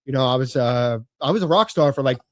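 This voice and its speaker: A man's voice: mid-range voice, animated, quick pace, dry recording. A man in his late thirties talking casually as a podcast guest, rambling with lots of "you know" and "like" and casual swearing. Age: late 30s. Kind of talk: casual conversation.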